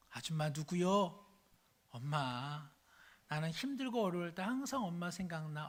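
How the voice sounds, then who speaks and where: This is a worn-out housewife and mother , as a preacher plays her, pleading in a soft, tearful way. The voice stays close to his own everyday speaking voice. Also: high-pitched.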